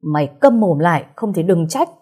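A woman's voice: on the low side, expressive, brisk, mellow, breathy edge. A woman voicing a harsh, powerful father who barks threats, in a storybook reading. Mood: angry. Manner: barking orders, threatening. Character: harsh powerful father, a gruff older official.

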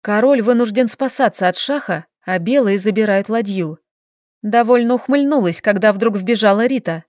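A woman reading a first-person audiobook narration in an even, measured way. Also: medium pitch, dry recording, studio quality.

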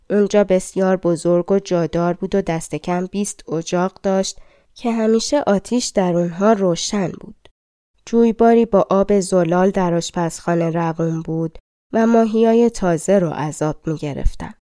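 A woman narrating a fairy-tale audiobook in a calm, colloquial storytelling manner, close to the mic. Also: mid-range voice, no room sound.

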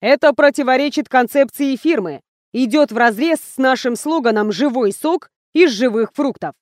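A stiff corporate representative speaks in a formal, deadpan way, as a woman narrator plays him. The voice stays high and the recording dry. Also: moderate pace, dry recording, close to an everyday voice. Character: stiff man in suit, company rep.

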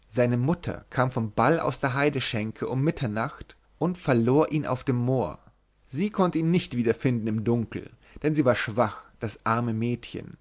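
A man narrating a classic novel at a mid pitch for a man, measured and expressive. His storytelling is steady and clear. A literary audiobook reading.

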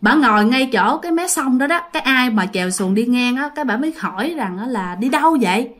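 A woman tells a ghost story in a chatty manner, speaking directly to her listeners. Her voice is fairly high and a bit bright, and she delivers it expressively at a brisk pace.

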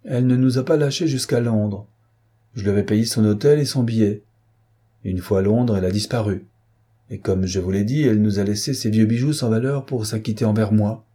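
A man's voice: lowish voice, brisk, warm tone, slightly rough. A man reading an audiobook who voices a blustering, indignant middle-aged man with a mocking, rising delivery. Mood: pleading.

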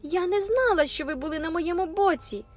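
A proud young woman on the edge of tears, pleading and insisting in a high, urgent voice, as a woman reader puts her on. She pushes her words out with feeling. Faint music plays behind the audiobook reading. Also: animated, fairly quick. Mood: contrite. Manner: insistent and emotional, near tears. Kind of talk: audiobook character voice.

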